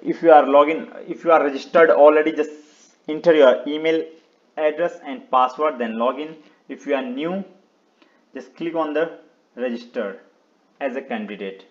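A video tutorial presenter with a slightly high voice walks through a website step by step in unscripted screen narration. His phrasing is short and halting, and he often repeats himself, while the recording sounds dull and lo-fi.

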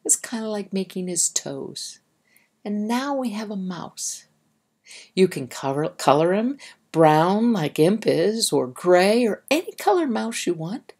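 This storybook reader and drawing guide sounds very animated, with a medium pitch, a darkish tone and a breathy edge. She goes at a slightly slow pace, speaking directly to young children and guiding them in simple, instructive language.

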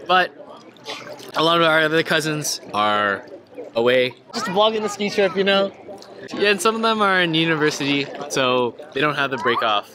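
A man's voice: on the high side, sing-song, moderate pace, crowd noise. A young man chatting casually and upbeat in a vlog, talking into a small handheld mic in an outdoor hot tub. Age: young adult. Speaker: vlogger. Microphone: handheld mini mic. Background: music.

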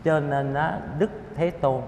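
A man giving a colloquial, emphatic Buddhist dharma talk, telling stories with drawn-out filler particles. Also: steady tone, a little mellow. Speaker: Buddhist lecturer. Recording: echoey hall with faint rumble.

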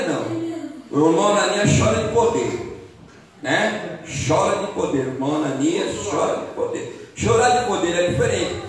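A man giving an animated children's lesson in a church, often asking the kids questions, heard in an echoey hall from a distance. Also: high-pitched.

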